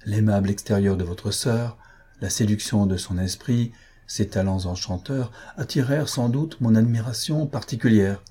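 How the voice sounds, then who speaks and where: A man voicing an impassioned remorseful gentleman. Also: fairly low pitch, normal speed, breathy edge. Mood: confessional. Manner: impassioned, earnest and pleading. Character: impetuous, remorseful young gentleman, pleading. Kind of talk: audiobook reading.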